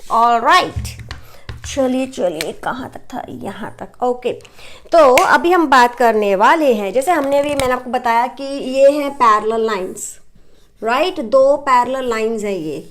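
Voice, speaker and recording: A woman's voice: a little high, lively intonation, measured pace, slight background noise. A young Indian woman teaching a maths lesson, explaining step by step in Hindi mixed with English terms and often checking in with "right?".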